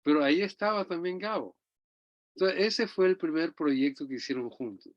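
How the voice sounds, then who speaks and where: A man's voice: a little high, animated, moderate pace, no room sound. An older man from Chile, a guest reminiscing about his parents in a rambling storytelling way, often ending phrases with a tag question. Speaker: interview guest. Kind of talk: reminiscing conversation. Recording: dull, dry close recording.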